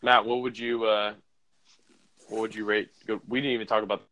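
A man's voice: fairly low pitch, little pitch movement, brisk, sharp tone, no echo. A man co-hosting a podcast, joking and swearing loosely in casual movie chat. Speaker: podcast co-host.

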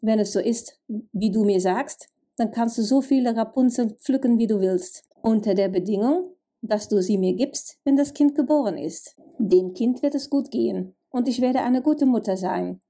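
A woman's voice: fairly high pitch, normal speed, warm tone. A woman voicing a menacing old witch in a storybook reading, cold and commanding. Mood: stern bargaining.

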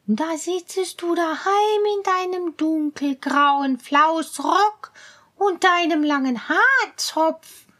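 A woman's voice: very high-pitched, fairly bright tone, voice pushed up, full character voice. Woman doing a sly greedy meowing cat. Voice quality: meowing, purring. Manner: drawn-out, scheming delivery.

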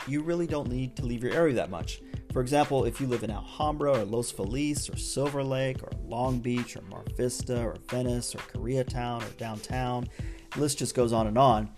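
Enthusiastic man hosting a podcast. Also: medium pitch. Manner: enthusiastic, promotional. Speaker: podcast host.

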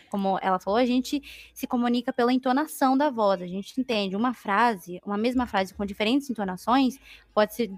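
Casting: Brazilian woman co-host, slightly high voice, calm measured explainer, dry close recording. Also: dry recording. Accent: Brazilian Portuguese. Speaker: podcast co-host. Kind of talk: casual explanatory chat.

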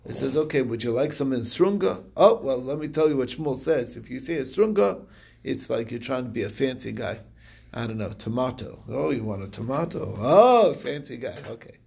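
Gravelly man retelling a Talmud story. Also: mid-range voice, animated, a little fast, a little mellow. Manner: retells the story in quoted dialogue, with many fillers and restarts. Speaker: Talmud study reviewer.

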